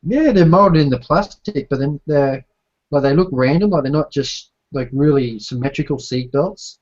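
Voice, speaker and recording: A man's voice: on the high side, normal speed, a little mellow. A man chatting casually and slangily about his hobby, with some swearing, on a group call. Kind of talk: casual hobby chat while building models. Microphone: online group call microphone. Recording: dull, lo-fi call audio.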